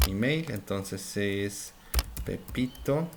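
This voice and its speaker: A man's voice: lowish voice, animated, extremely slow. A man giving a screen-recorded coding lesson, thinking aloud as he types and often checking in with his viewers. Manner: thinks aloud while typing, frequent "¿cierto?" check-ins. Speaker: programming instructor. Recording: home recording with audible noise. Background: keyboard typing and clicks.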